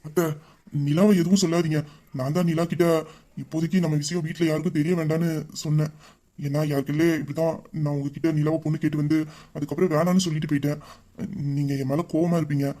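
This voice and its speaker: A man voicing a gentle young fiancé who softly reassures in an amateur audio drama. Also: a little high, level tone, fast talker, natural voice. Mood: apologetic. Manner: soft, soothing, hushed.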